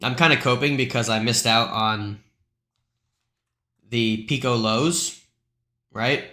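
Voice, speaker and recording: Bright-sounding guy rambling through charts on a live stream, echoey room, laid back and chatty. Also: medium pitch, steady tone, takes it slowly. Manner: loose and chatty, full of fillers and asides. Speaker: crypto live stream host.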